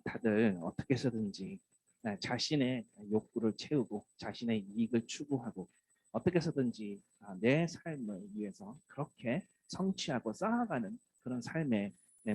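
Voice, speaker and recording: Pastor guy preaching, husky voice, swings up and down a lot, dry close sound. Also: medium pitch, no echo, poor audio. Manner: lively, acts out tender wake-up calls in a soft voice. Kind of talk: sermon.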